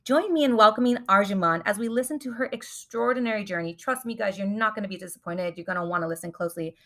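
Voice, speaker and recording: A woman's voice: mid-range voice, fast, a bit bright. A woman hosts a podcast in an upbeat, enthusiastic way. She reads a polished guest introduction and then eases into friendly questions. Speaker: podcast host. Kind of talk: scripted intro then casual interview.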